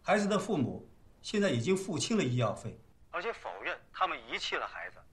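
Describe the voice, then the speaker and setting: An actor playing a cautious male lawyer in a TV drama, explaining a weak case in a measured way. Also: on the high side, big pitch swings. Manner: measured, reasoning, soothing. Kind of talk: TV drama acting.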